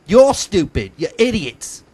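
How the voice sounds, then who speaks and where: A man doing a shrill ranting Englishman. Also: big pitch swings, slow pace, a little mellow, husky, no echo, exaggerated voice. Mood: angry ranting. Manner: ranting, insulting, sneering. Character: irate English man scolding Americans.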